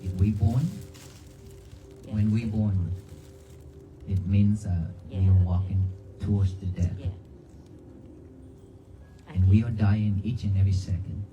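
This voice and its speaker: A Buddhist monk whose first language is Vietnamese speaks to a crowd in short phrases, often stopping to ask them questions. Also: male voice, on the low side, fairly even intonation, slow, pauses often, mellow, lo-fi sound, faint music behind. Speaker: Buddhist monk giving a talk. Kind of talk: dharma talk to a crowd. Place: outdoors by a church cemetery.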